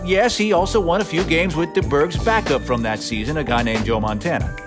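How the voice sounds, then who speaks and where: With a brisk, somewhat high voice, a man delivers scripted, humorous documentary narration, leaning into playful, mock-dramatic emphasis like a podcast host. A music bed runs under his narration.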